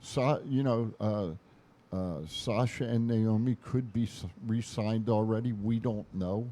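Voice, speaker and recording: A man co-hosting a wrestling podcast in casual chat, talking slowly and haltingly with many restarts. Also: fairly low pitch, dark tone. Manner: slow, hesitant, many fillers and restarts. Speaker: podcast co-host.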